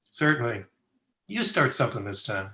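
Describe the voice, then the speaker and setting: A crusty town doctor from the Old West, played by a man in a radio drama, recorded in an echoey room. He has a mid-pitched voice and a dry, teasing, folksy manner. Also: big pitch swings, normal speed, pushed and bright. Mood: wry, teasing. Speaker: actor in an amateur radio drama. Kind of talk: old-time Western radio acting. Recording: roomy, echoey video-call recording.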